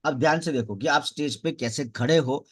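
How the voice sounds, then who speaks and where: A man teaching public speaking as an emphatic coach, demonstrating rises, falls and pauses in speech. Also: husky. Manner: emphatic teacher, varies pace and pitch to show speech rhythm. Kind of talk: spoken tutorial lesson.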